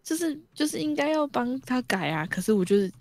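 A woman chatting casually, ending her sentences with soft trailing fillers. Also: sits high, big pitch swings, fairly quick, dry recording. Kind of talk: casual group chat.

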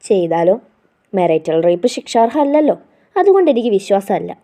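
A woman voicing a headstrong, witty young bride in a storybook reading, giving sharp retorts. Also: medium pitch, sing-song, a little fast, close to an everyday voice. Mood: defiant.

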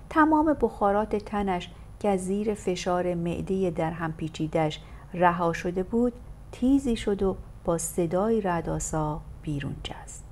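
A woman reading a novel aloud as an audiobook narrator, steady and expressive. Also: on the low side, a little hiss or hum.

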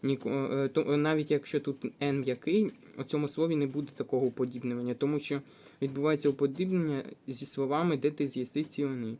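A man's voice: medium pitch, steady tone, fast, dark tone. A man with a Ukrainian accent, working through test answers as a teacher, methodical and thinking aloud with frequent hesitations. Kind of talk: test walkthrough lesson.

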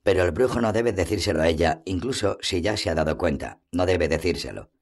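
A man reading a fantasy novel aloud as an audiobook, in steady, measured narration. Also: low-pitched. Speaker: audiobook reader. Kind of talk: scripted narration.

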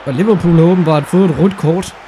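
Young Danish man, let's-play commentary, excitable, slightly high voice, faint hiss. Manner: excitable, shouts at big moments, swears casually. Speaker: gaming YouTuber.

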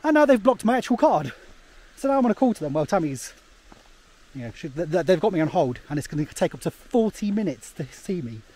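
Holding his camera at arm's length, a travel vlogger hikes a snowy path outdoors and chats away, rambling casually, laughing often, and filling gaps with lots of fillers. His high, warm voice moves briskly in a sing-song way.

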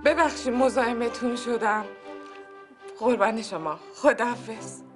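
An actress playing a polite, hesitant visitor. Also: female voice, on the high side, music in the background, lightly acted. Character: polite anxious woman asking after Khatun.

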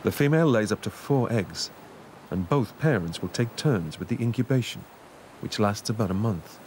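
A man narrating a scripted nature documentary in a measured, informative way. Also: lowish voice, expressive, noisy background.

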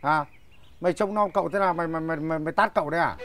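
Guy playing a cranky village dad, gravelly voice, talks fast and swings all over, music under it. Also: fairly high pitch, lightly acted. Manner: scolding and complaining. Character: grumbling old-fashioned village master, short-tempered. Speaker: master of the house and father. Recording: background music under dialogue.

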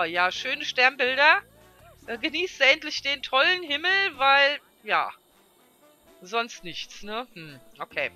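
A woman's voice: on the high side, bright, forceful tone. A woman giving casual gameplay commentary as a let's player, chatting to her viewers and laughing often.

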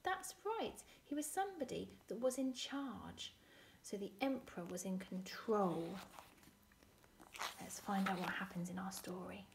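A woman teacher reading a storybook aloud to children, expressive, often dropping to a whisper and asking questions. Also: medium pitch, slight background noise.

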